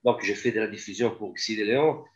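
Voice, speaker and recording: A man who works as a sound engineer, chatting as a guest over a video call in a halting way, with many fillers. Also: fairly low pitch, dull audio.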